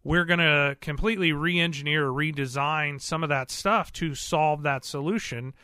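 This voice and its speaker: A man talks shop about car repairs in a bright, forward voice that sits a little high for a man. He is earnest and plain-spoken and rambles on with fillers and restarts. The room is dry, with no echo. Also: moderate pace, smooth. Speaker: auto repair shop owner. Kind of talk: casual interview talk.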